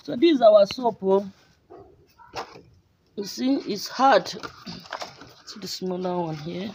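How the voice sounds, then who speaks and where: A woman giving a casual, chatty step-by-step demonstration in an indoor workspace, filmed on a phone held over her hands. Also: mid-range voice. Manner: slow, chatty step-by-step explaining. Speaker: soap-making instructor. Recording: noisy phone recording.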